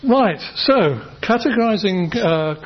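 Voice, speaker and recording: A British man gives a university phonetics lecture in a lecture room, explaining patiently with many fillers and restarts and demonstrating sounds aloud. His high voice has lively intonation and takes it slowly. The lecture recording is dull and lo-fi, with slight background noise.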